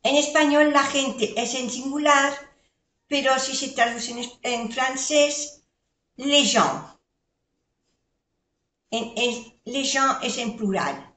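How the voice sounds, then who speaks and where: Slow, patient older woman teaching. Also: high voice, animated, bright, forceful tone. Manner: patient, spells out letters and repeats words slowly. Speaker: French teacher. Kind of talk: slow language lesson with spelled-out pronunciation. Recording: echoey room.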